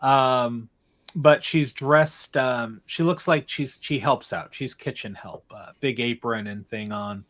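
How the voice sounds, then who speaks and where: A man narrating a tabletop game as game master, halting and filling pauses with ums and uhs. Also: medium pitch, a bit bright.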